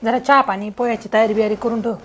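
A woman's voice: on the high side, fairly even intonation, fast talker, a little hiss or hum, natural voice. An actress playing a bossy village elder sister with a rural Marathi accent, scolding her younger sister. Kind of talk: village comedy sketch.

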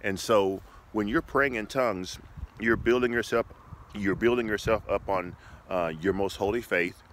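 Low-voiced middle-aged man teaching informally outdoors. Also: moderate pace, a bit bright. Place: outdoors by a shoreline path. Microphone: phone at arm's length. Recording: clear outdoor ambient noise.

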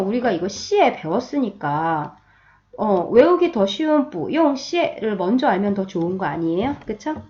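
A woman's voice: medium pitch, darkish tone, muffled recording. A woman teaching a beginner language lesson, patiently drilling her students with repeat-after-me cues.

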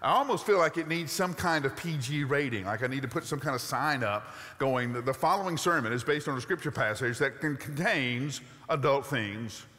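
Older southern pastor preaching, animated, lots of rhetorical questions, long church reverb. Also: male voice, medium pitch, normal speed, few pauses. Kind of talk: sermon. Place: large church stage. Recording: long reverb of a large sanctuary.

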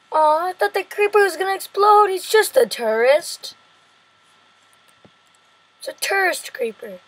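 A woman giving casual, excitable let's-play commentary, shouting at creatures in the game. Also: very high voice, dry recording, low-quality recording. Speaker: gameplay commentator.

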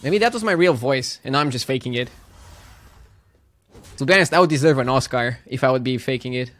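A man's voice: mid-range voice, expressive, fairly quick, a bit bright. A male streamer giving casual, joking commentary while playing and chatting with viewers. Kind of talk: casual live gameplay commentary.

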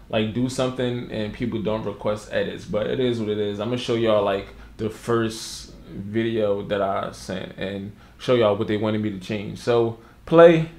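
A man's voice: fairly low pitch, normal speed, gravelly, hardly any pauses, slight background noise. A young man chatting casually in a vlog, loose and slangy, with lots of fillers and asides. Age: young adult. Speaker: content creator. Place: Los Angeles.

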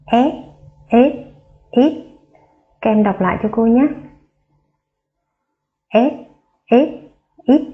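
A woman's voice: medium pitch, phone-quality sound. A woman primary school teacher giving a careful phonics lesson to young children, spelling out sounds aloud and stressing key words.

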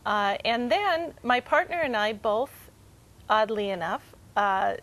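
A woman's voice: on the high side, expressive, takes it slowly, fairly bright tone, rough recording. A woman guest on a TV talk show, explaining her recipes in a cooking demo, steadily and with frequent fillers. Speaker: guest, coffee business co-owner.

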